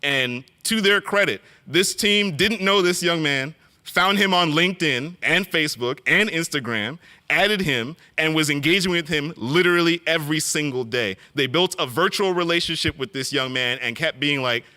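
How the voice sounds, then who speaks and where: A middle-aged man gives an earnest storytelling speech at an awards event. His voice is fairly high and sharp in tone. He often pauses on fillers and restarts phrases.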